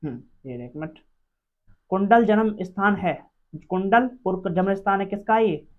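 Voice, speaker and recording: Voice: medium pitch, unhurried. Dull-sounding teacher drilling quiz answers. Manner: asks each question aloud, then answers it, repeating it several times. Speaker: exam-prep history teacher. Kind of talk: exam-prep quiz lesson. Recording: dull lo-fi recording.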